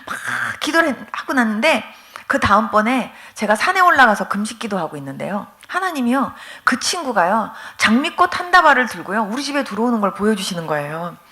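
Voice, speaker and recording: Middle-aged woman pastor, high bright voice, animated revival testimony, emphatic and tearful. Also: brisk. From Korea. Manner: animated storytelling, acting out quoted voices. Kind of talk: testimony sermon at a revival meeting.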